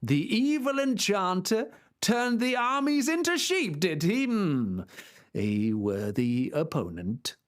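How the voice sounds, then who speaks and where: A man's voice: sits high, very animated, slow pace, pitched above the performer's own voice, heavily acted. A man voicing Don Quixote, a deluded, grandiose old knight, speaking in a formal, theatrical way. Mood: indignant. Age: older.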